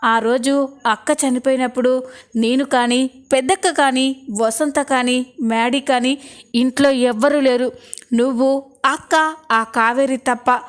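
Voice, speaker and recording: An angry young woman presses her brother-in-law for the truth, fierce and accusing, read by a woman in her own voice. The pitch is high and light in this storybook retelling. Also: fairly even intonation, a little slow, long pauses. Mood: probing.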